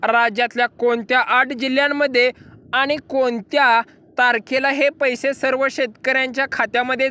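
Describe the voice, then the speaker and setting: A man's voice: very high voice, sharp tone, clear, resonant tone. A man with a Marathi accent explaining farm insurance news to farmers, repeating himself and calling his listeners farmer friends. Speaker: farm news channel host.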